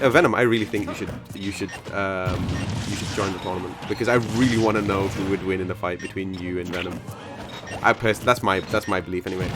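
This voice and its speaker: A man hosting a live game tournament stream, chatting casually with viewers, rambling with many fillers and self-corrections. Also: on the low side. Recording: game music playing behind.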